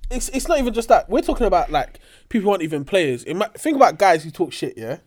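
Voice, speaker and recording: Fast, high-voiced young London man. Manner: animated, slangy, emphatic. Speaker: sports talk show co-host. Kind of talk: casual basketball debate among friends.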